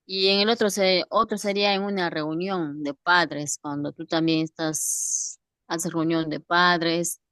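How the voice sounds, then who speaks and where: A female student giving a short class presentation, halting and repeating words. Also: on the low side, fairly even intonation, a bit bright, smooth, no echo, studio quality.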